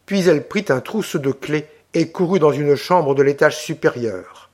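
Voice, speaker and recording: Male audiobook reader, classic novel, measured delivery, slightly high pitch. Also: darkish tone. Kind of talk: scripted narration of a classic novel.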